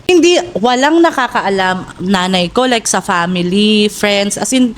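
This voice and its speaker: A woman from Manila, a podcast guest and content creator, telling stories in animated casual chat and laughing often. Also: medium pitch, measured pace. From Manila, Philippines.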